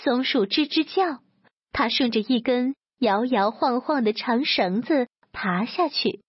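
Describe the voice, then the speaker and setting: A woman reading a children's story aloud in a gentle, even storybook manner. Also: a little high, unhurried, slightly rough, dry recording. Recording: dull lo-fi dry recording.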